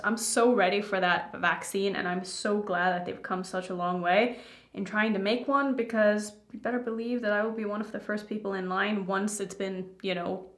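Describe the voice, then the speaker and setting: A young adult woman rambling candidly to her viewers in a casual makeup vlog. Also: medium pitch. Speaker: beauty YouTuber. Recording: roomy indoor echo.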